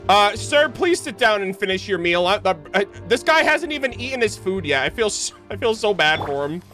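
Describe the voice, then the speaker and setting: With game music in the background, a man offers casual, joking, slangy reactions as he streams a game live. He talks briskly in a high, sing-song voice with a sharp tone.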